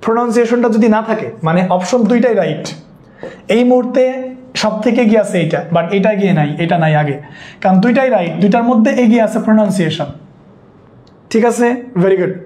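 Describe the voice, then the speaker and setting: A man's voice: sits high, expressive, fast talker, mellow, echoey room. A man teaching an English grammar lesson for an exam course, keeping a check on whether his students follow and repeating his points. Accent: Bangladeshi Bengali. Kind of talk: online exam-prep lesson.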